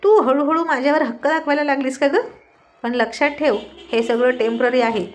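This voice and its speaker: A woman's voice: high voice, steady tone, brisk, slight background noise, close to an everyday voice. A woman voicing a brusque, teasing young man who speaks in a curt, bossy way in a spoken story.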